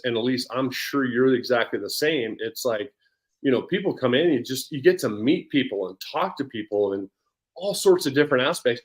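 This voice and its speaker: A man in his forties, a personal development coach, talking in a casual interview with energy and frequent restarts and repeated words. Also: mid-range voice. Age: 40s. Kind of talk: casual podcast interview chat.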